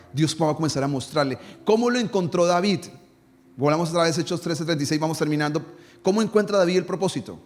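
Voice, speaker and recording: Male pastor, sermon delivery, rhetorical questions, hushed low prayers, slightly high voice, reverberant hall. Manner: preaches with rhetorical questions, dropping low and quiet on quoted prayers. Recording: long reverb in a church hall.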